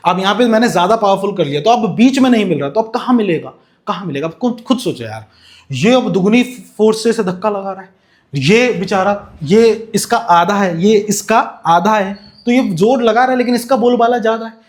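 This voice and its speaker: A man's voice: sits high, expressive. A young man teaching physics in a lecture, calling students "beta" and asking questions he then answers himself. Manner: slows down to dictate notes in English. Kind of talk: classroom lecture with animation.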